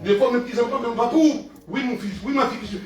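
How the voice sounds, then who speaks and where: An older man, a pastor, preaching emphatically with repeated questions and bursts of shouting. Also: extremely high pitch, very fast. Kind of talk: sermon. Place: large echoey hall. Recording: very echoey hall, voice from a distance.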